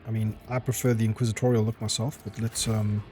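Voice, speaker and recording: A man's voice: fairly low pitch, little pitch movement, warm tone, soft background music. A man hosting a let's play, reading the game's dialogue and narration aloud and commenting casually, sometimes stopping to correct himself. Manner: casual, self-correcting, reads aloud with deliberate pacing. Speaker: gaming channel host.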